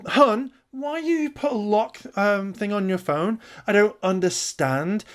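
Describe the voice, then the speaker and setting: A man mockingly voicing a whiny, nagging girlfriend in a high, sing-song voice. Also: slow.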